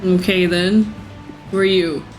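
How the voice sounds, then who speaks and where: A woman's voice: fairly low pitch, steady tone, slow. Chatty woman streamer over game music. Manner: chatty, self-mocking, laughs often. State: sick, rough voice. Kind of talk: casual let's-play commentary.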